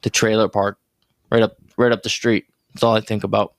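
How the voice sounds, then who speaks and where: A man's voice: lowish voice, level tone, fairly quick, no room sound. A man hosting a casual sports podcast, joking and swearing freely in banter with friends. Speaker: podcast host.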